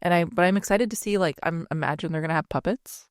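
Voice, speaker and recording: A woman's voice: lowish voice, fast, no echo. Chatty woman co-host, dry sound. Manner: chatty, peppered with "like". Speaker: podcast co-host. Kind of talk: casual chat.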